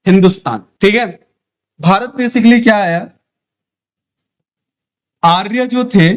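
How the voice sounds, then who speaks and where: A male teacher giving a classroom lecture. He keeps asking the class questions, answers them himself, and checks in with "ठीक है". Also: sits high.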